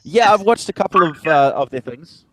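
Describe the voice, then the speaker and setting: A man's voice: fairly high pitch, expressive, normal speed, fairly bright tone. A man in his twenties chatting casually with friends, rambling with lots of fillers and restarts and swearing freely. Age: 20s. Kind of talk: casual group chat.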